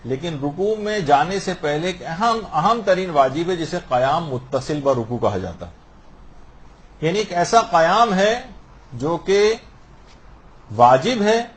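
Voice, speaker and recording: A man's voice: a little high, lively intonation. A man with a Pakistani Urdu accent, a religious scholar teaching prayer rules by posing common questions and answering them. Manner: explains through questions and answers.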